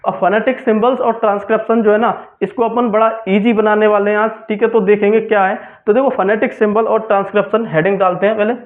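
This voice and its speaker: Man with teaching exam class, keeps repeating stuff, mixes in english words, high voice, sounds like a phone. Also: flat delivery, quick pace, hardly any pauses. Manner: repetitive, asks and answers own questions; mixes English terms into Hindi. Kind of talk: exam-prep class lecture. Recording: tinny phone-like lo-fi audio.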